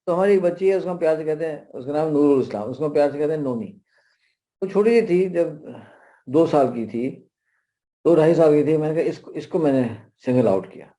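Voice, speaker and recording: A middle-aged man with a Pakistani accent and a slightly high, mellow, soft-edged voice leads a parenting workshop lecture. He is animated and conversational, telling anecdotes and frequently breaking off into asides.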